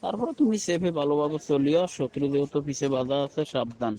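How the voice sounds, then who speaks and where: A man's voice: fairly high pitch, expressive, fairly quick, dark tone. Rambling, pleading man. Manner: rambling, pleading, repeats himself. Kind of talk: personal voice message.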